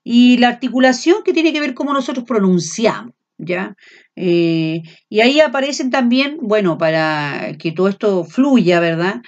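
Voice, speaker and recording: Chilean woman teacher lecturing loudly without shouting, full of filler sounds and quick checks, on a dull lo-fi recording. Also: mid-range voice, expressive. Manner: speaks loud without shouting. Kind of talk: classroom lecture.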